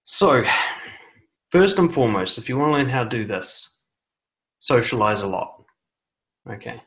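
Man, confidence coach, seated video monologue, measured delivery, repeats words for emphasis, mid-pitched voice. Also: lively intonation, fairly bright tone, poor audio. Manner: measured, deliberate delivery with frequent "okay" asides. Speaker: YouTube dating and confidence coach. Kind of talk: direct-to-camera advice monologue. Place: seated indoors recording a video.

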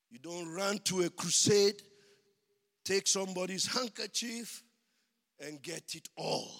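High-voiced pastor preaching in a hall. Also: male voice, vocal fry. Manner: slow, drawn-out preaching that builds to shouting. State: out of breath. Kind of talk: sermon. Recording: long hall reverb.

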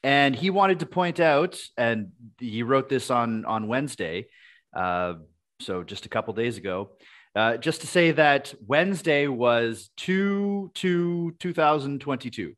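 A man co-hosting a podcast in casual chat, reading listener emails in a dry, deadpan way and tripping over words. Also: mid-range voice, measured pace.

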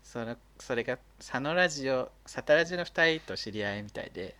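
A man's voice: medium pitch, animated, a little fast, pushed and bright, clean tone. A man co-hosting a casual podcast chat, teasing his partner and giggling a lot. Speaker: podcast co-host.

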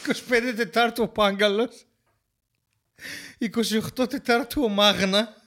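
A man's voice: high-pitched, fairly even intonation, fairly bright tone. A man co-hosting a comedy podcast, reading out odd names with dry teasing jokes. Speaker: podcast co-host. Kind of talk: casual comedic chat.

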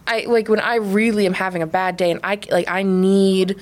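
A woman in her twenties co-hosting a podcast, telling a story in a casual, animated way, full of laughs and "like". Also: mid-range voice, normal speed. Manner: animated, laughing, heavy use of "like". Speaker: podcast co-host.

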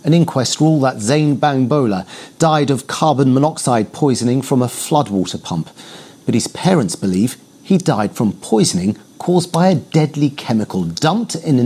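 Lively male news presenter, slightly husky. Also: mid-range voice, moderate pace.

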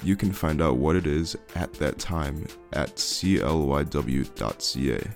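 A man hosting a podcast, reading scripted sponsor announcements in a steady, informative way. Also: rumbling low, measured pace, vocal fry, soft background music. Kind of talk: scripted ad read.

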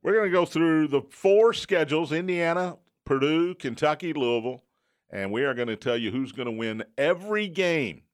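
A man's voice: on the high side, lively intonation, normal speed. A man hosting sports talk radio from a studio, reading promos and chatting in an emphatic announcer style with joking asides. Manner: joking, self-deprecating. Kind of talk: sports talk radio with live sponsor reads.

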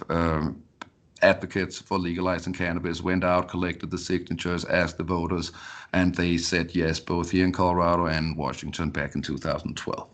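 A man from Denmark, a podcast guest, talking casually and often repeating words as he restarts sentences. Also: low-pitched. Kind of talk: casual interview talk. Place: Colorado.

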